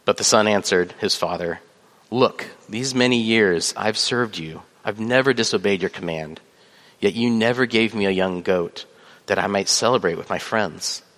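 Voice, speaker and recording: A man preaching a sermon as pastor, measured, with fillers, reading scripture aloud. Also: fairly low pitch, a bit bright. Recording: long hall reverb.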